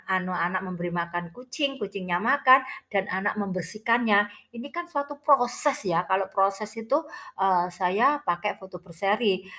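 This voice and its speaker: A woman's voice: medium pitch, fairly bright tone. Javanese-accented woman teaching, speech muddled by toothache. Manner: chatty, explanatory, addressing listeners directly. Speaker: early childhood teacher giving an online tutorial. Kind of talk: informal instructional explanation for teachers.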